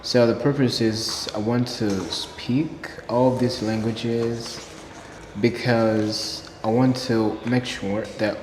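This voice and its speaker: A Burundian man whose first language is Kirundi answers interview questions in English as a learner, speaking earnestly in a mid-range voice that is flat and slow. He repeats key phrases for emphasis, and the room is echoey with long reverb and faint noise.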